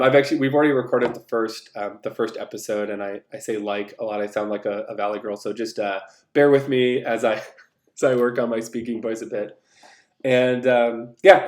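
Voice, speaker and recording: A man's voice: medium pitch, a little mellow. Rambling man with roomy echo. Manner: rambling, many fillers and restarts. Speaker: podcast host. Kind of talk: solo podcast intro monologue.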